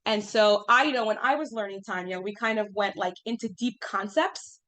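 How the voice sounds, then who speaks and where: A woman's voice: medium pitch, normal speed, a bit bright. A woman in her thirties teaching an informal class, chatty and full of fillers, asking the group questions as she goes.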